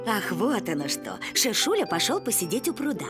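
A woman's voice: mid-range voice, big pitch swings, moderate pace, over music, natural voice. A woman playing a kindly, sensible old grandmother bee in a children's cartoon.

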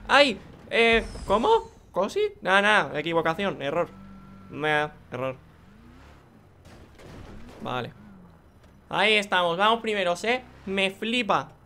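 Excitable young man from Spain, bright voice. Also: on the high side, slight background noise. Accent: Spain Spanish. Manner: excitable, joking, frequent exclamations. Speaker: gaming video creator. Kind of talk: casual gameplay commentary.

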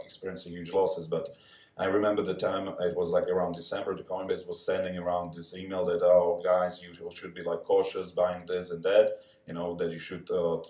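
Low-voiced guy, lots of you knows, far away and echoey. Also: warm tone. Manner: halting, filler-heavy. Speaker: panelist. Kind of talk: live panel talk. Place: coworking space event room.

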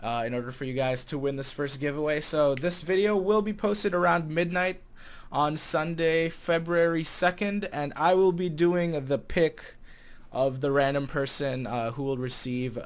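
Speaking at a normal, smooth pace with fairly even intonation, this slightly high-voiced 20-year-old man from the Chicago area talks casually to camera, relaxed but a bit halting as he thinks aloud. The American-accented vlogger also runs staff on a game server. He's in a small room at home, using a desk condenser microphone with a pop filter.

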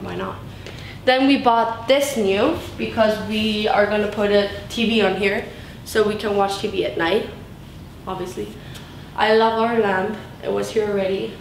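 A young woman giving a casual, rambling tour of her bedroom and bathroom, filmed on a handheld camera as she walks around. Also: medium pitch. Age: young adult. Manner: bubbly, rambling, lots of "like" and "so cool". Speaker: vlogger giving a house tour. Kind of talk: casual chat. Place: large tiled bedroom and bathroom indoors. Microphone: handheld camera, speaker moving around. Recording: echoey room with background noise.

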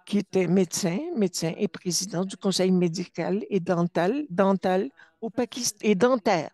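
A woman giving simultaneous interpretation for a webinar, halting and often restarting or correcting herself mid-phrase. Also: mid-range voice, mellow, dry recording.

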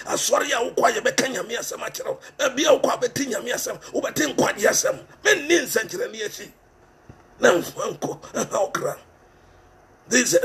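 Through a headset mic in a small room, a middle-aged Ghanaian-accented preacher delivers an impassioned sermon in English and Twi, hammering his points home with repeated phrases. His very high, slightly bright voice swings widely in pitch, with a gravelly fry running through it.

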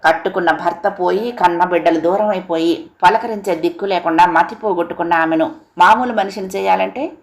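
A woman narrating a family audiobook story in a steady, expressive reading voice. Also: on the low side, a little fast.

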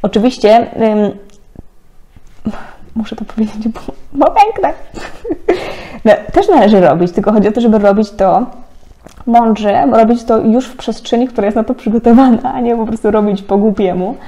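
Lady in her 30s doing a chatty card reading, mellow voice, laughs a lot. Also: fairly high pitch, steady tone, moderate pace, long pauses. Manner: chatty, laughs often, many fillers. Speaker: tarot card reader. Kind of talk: casual spiritual card-reading talk.

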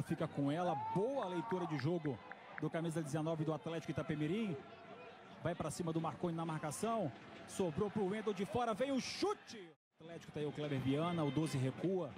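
A Brazilian man calling a football match live as a play-by-play commentator, stretching out words on the big moments. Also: on the high side. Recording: noisy stadium broadcast, background hiss. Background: stadium ambience and crowd noise.

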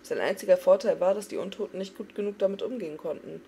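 A woman giving an expressive, dramatic reading of a fantasy novel. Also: mid-range voice, fast talker, creaky, a little hiss or hum. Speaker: audiobook reader.

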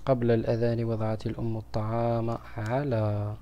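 A man's voice: mid-range voice, level tone, normal speed, mellow, highs cut off. A man, a primary school teacher, patiently going through a grammar exam with children and asking them questions.

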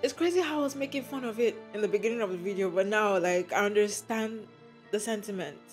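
A woman's voice: medium pitch, fast, faint music behind. A woman hosting a movie reaction, talking back at the screen in an emotional, exclamatory way.

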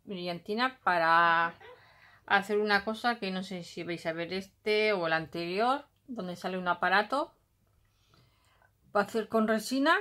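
A woman's voice: medium pitch, unhurried, pushed and bright. A middle-aged woman from Spain, with a Basque Country Spanish accent, chatting casually through a craft haul, thinking aloud and humming filler sounds while she unpacks at a table at home.

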